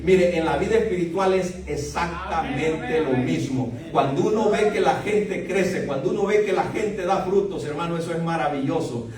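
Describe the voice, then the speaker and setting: An older man, a pastor, delivering a lively sermon with frequent laughs and exclamations. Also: high voice. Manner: animated preaching with frequent laughter, rising to exclamations. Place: church sanctuary. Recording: echoey church hall, voice from a distance.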